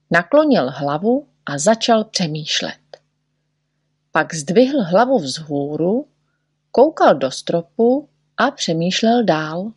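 A woman narrating a children's storybook in a gentle, expressive manner. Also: fairly low pitch, breathy edge, dry recording, clean studio sound. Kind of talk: storybook reading.

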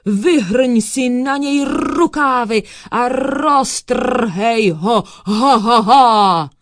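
A woman voicing an eager, loud male royal dog in a children's storybook, shouting in barking bursts. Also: fairly low pitch, very animated, husky, no room sound, clean studio sound. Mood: fierce yelling.

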